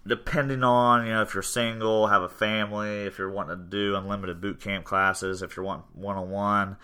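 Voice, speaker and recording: A man in his 20s, a gym owner and podcast host, chats casually on his podcast about his gym, relaxed and rambling with lots of fillers. His voice is lowish and clean in tone, and he speaks briskly.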